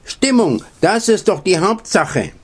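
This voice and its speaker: A man's voice: high-pitched, big pitch swings, unhurried, breathy edge, voice pushed up, exaggerated voice. A man playing a hooting, dreamy owl. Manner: hooting, wistful. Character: owl who wants dim cozy light.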